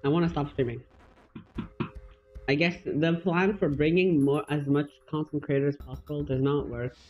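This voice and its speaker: A fairly high-voiced man talking over a muffled, lo-fi voice chat mic while gaming. He is goofy and keeps repeating a joking catchphrase. Faint game music sits behind him. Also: fairly even intonation, moderate pace. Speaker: gamer, streamer.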